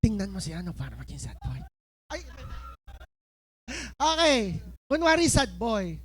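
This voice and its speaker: A woman pastor giving a lively, playful sermon, acting out a scene with someone in front of the church and reading scripture slowly. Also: a little high, slight background noise. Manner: animated, playful, switches between preaching and slow scripture reading. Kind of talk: lively sermon with a live demonstration.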